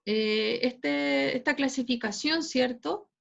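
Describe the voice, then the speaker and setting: In a dull, lo-fi online class recording, a woman teacher with a Chilean Spanish accent lectures slowly in a high-pitched voice with vocal fry. She tacks a questioning tag onto almost every phrase.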